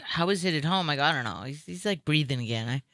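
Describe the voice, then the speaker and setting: A middle-aged woman, a guest on a talk show, chatting casually with jokes and quick asides. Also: sits low, expressive, a bit bright, no room sound, clean studio sound. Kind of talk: casual chat.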